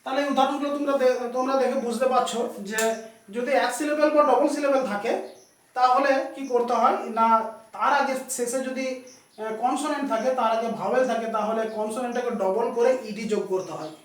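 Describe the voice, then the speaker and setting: A man's voice: very high-pitched, fairly even intonation, fast talker. Guy teaching grammar, spells stuff out, keeps asking okay?, sounds far off in a big echoey room. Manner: repeats and spells words aloud, checks with "okay?". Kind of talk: classroom lesson.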